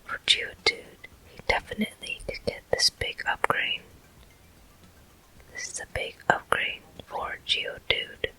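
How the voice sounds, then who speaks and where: An ASMR gameplay host talks only in a breathy whisper, very slow, gentle and deliberate. The sound is crisp and very bright, hissing air standing in for a full voice.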